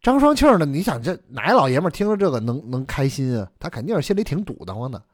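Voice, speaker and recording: Animated male storyteller. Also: a little high, quick pace, dry recording, clean studio sound. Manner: chatty, explanatory asides with many fillers. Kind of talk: traditional Chinese storytelling.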